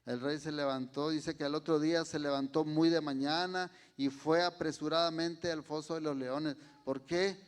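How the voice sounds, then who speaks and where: A man with a Mexican Spanish accent preaching a sermon in a slow, deliberate way, often checking in with his listeners. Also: a little high, fairly even intonation, clear, resonant tone.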